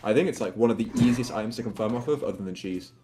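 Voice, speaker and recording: A man's voice: on the low side, racing, dark tone, faint music behind. A young man calling play-by-play at a fighting game tournament, explaining the action and slipping in puns. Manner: analytical play-by-play, fond of puns. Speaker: esports commentator. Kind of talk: live tournament commentary.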